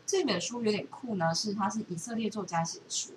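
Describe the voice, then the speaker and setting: Chatting casually as a podcast host, a woman with a Taiwanese accent rambles while thinking aloud. Her medium-pitched voice is brisk and echoes in the room, captured from a distant mic with faint background noise.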